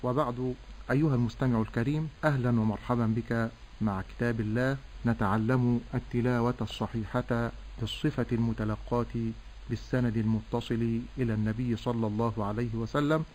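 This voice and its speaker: A man teaching correct Quran recitation, explaining pronunciation slowly and drawing out vowels to demonstrate. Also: mid-range voice, fairly even intonation, darkish tone, slight background noise, rough recording. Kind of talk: tajweed lesson with recitation.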